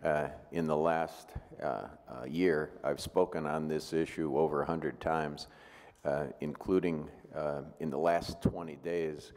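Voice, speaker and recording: An older man speaks at a table microphone on a panel, with an extremely deep and flat voice. He talks in a measured, list-like way. The big hall gives him a long reverb. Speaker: university program director. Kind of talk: panel self-introduction. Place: large hotel ballroom meeting.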